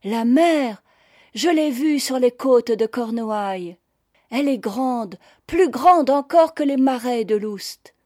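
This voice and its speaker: A woman's voice: a little high, animated, takes it slowly, dark tone, no echo, clean studio sound, pitched above the performer's own voice. A woman voicing a fierce young male boatman who declaims in a ringing voice. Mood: eager.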